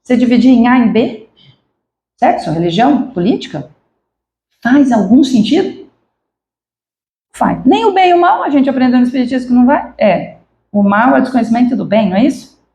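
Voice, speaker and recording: A woman's voice: a little high, animated, fairly quick, pauses often, warm tone. A woman giving a spiritist lecture to a congregation, chatting with the audience and asking them questions. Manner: conversational, asks the audience questions. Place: spiritist center lecture hall. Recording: echoey hall.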